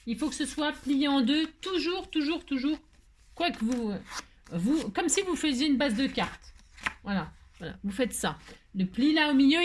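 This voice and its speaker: A middle-aged woman hosting a chatty crafting tutorial, talking loudly and joking with her viewers as she works. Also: sits high, a little hiss or hum. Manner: loud, playful, talks to viewers, jokes.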